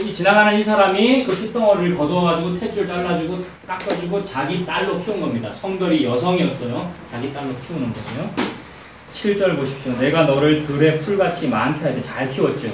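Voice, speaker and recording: A male pastor preaching in an echoey church sanctuary, his fairly high voice carrying from a distance. He talks emphatically, shifting into animated storytelling and throwing rhetorical questions at his congregation. Faint room ambience sits under him. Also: noisy background. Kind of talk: expository sermon.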